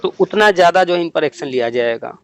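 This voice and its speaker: Emphatic higher-voiced man urging listeners. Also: animated, brisk, clear, resonant tone. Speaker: channel host. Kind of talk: phone call chat.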